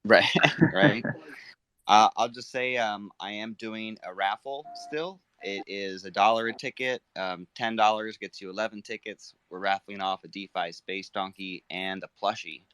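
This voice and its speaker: A man co-hosting a casual online chat, halting and full of fillers. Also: fairly low pitch, steady tone, fairly bright tone, clean tone. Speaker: co-host.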